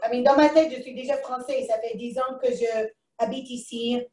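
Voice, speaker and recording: A woman's voice: on the high side, fairly even intonation, normal speed, darkish tone, reverberant, distant mic, slight background noise. A woman with a foreign accent in French presents a live cooking demonstration from a kitchen, chatting to herself as she works. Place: kitchen, indoors.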